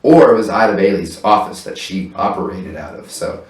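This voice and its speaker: A man with a low, expressive voice talks at a moderate pace in a loose, casual interview, swearing freely and laughing often. He's a stage manager appearing as a guest, speaking from his own apartment room. The recording has a roomy echo, with his voice far from the mic.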